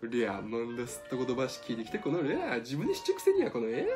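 A man with a Tsugaru dialect voicing a blunt, teasing magic mirror in a storybook reading, talking roughly with hesitant fillers. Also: medium pitch, wildly swooping pitch, fast talker. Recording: music playing behind.

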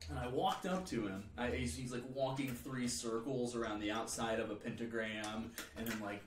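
A man casually telling a tabletop game story, animated and swearing freely as he acts out characters. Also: medium pitch, normal speed. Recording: roomy mic from a distance, faint noise.

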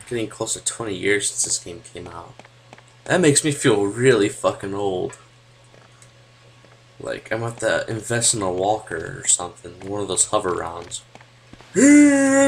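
A man's voice: sits low, slight background noise, low-quality recording. A young man giving casual gameplay commentary, sarcastic and joking, with the odd swear word. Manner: sarcastic, swearing, jokey asides. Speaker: let's play gamer.

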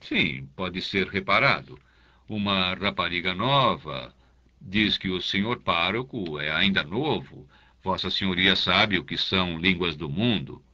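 A man's voice: sits low, animated, measured pace, pushed and bright, muffled recording, exaggerated voice. A man voicing a servile, timid curate in an audiobook, speaking deferentially. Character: servile timid middle-aged male curate. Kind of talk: audiobook character voice.

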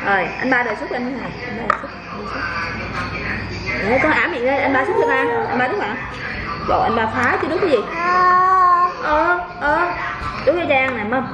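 High-voiced mother cheering on her kids. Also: expressive, fast talker, loud music behind the voice. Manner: playful, coaxing, cheering the children on. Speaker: mother and vlogger. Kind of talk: casual family vlog, talking to kids and viewers. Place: home with children around. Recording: loud background noise.

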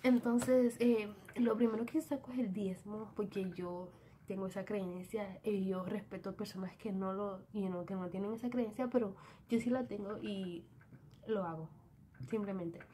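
A woman's voice: mid-range voice, fairly even intonation, moderate pace, warm tone, slight background noise. Chatty Dominican woman in a bedroom. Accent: Dominican Spanish. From Dominican Republic. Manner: chatty, mixes English words into Spanish. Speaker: vlogger. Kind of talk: casual planner walkthrough. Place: small bedroom indoors. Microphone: phone camera at arm's length.

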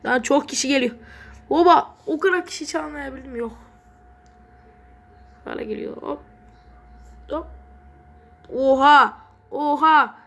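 Woman, high voice, mobile game commentator; excitable, swears a lot, yells at the game. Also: normal speed, creaky, long pauses. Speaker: gaming channel host.

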